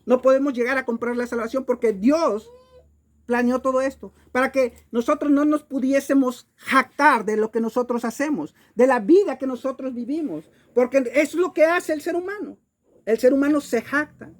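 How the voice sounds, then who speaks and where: High-voiced Mexican woman preaching a sermon. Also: normal speed. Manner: emphatic, repeats words while searching for them.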